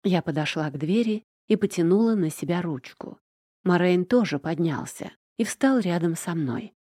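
A woman narrating a first-person audiobook in an even, measured storytelling manner. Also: on the low side, slightly rough, no room sound, clean studio sound.

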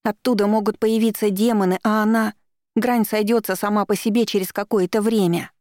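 A woman's voice: fairly low pitch, moderate pace, darkish tone, no echo, clean studio sound, natural voice. A woman reading an audiobook, voicing an eager, earnest young boy prince. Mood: urgent.

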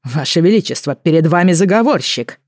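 A woman's voice: lowish voice, lively intonation, fairly quick, a little mellow, no room sound, clean studio sound. A woman doing a scheming court adviser. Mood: insistent. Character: scheming male royal adviser, smooth and insistent.

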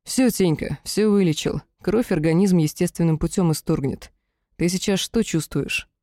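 Woman reading as a gentle male elf healer. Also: fairly low pitch, moderate pace, no room sound, clean studio sound, close to an everyday voice. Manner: soft, quiet, affectionate. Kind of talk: audiobook character reading.

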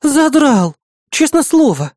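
A man voicing a sharp-tongued, irritable young woman partner who answers in curt, scolding lines. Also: very high voice, big pitch swings, slow pace, dry recording, clean studio sound, pitched above the performer's own voice, exaggerated voice. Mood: alarmed.

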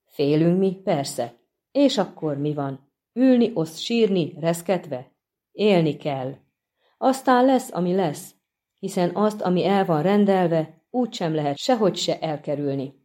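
A talkative country peasant, folksy and eager, speaking to his master with homely warmth, as a woman reads him in an audiobook. The voice sits a little low for a woman, with a dark, mellow tone. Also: expressive, close to an everyday voice. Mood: earnest. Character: chatty grateful middle-aged peasant man. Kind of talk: audiobook reading.

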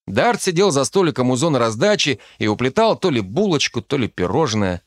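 A man reading a first-person novel aloud, expressive and lively. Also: medium pitch, fairly quick, no room sound, clean studio sound. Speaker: audiobook narrator. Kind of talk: first-person fiction narration.

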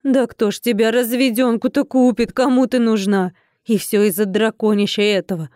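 A woman voicing a middle-aged innkeeper woman who is weepy and pitying, speaking slower and lower in an audiobook reading. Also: steady tone, a little mellow, no room sound, clean studio sound, lightly acted. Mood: lamenting.

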